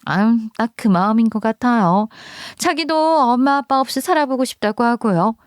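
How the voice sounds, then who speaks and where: A woman voicing an eager younger sister-in-law who gushes and flatters. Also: fairly high pitch, moderate pace, no echo, clean studio sound, natural voice. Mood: chatty. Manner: gushing, flattering.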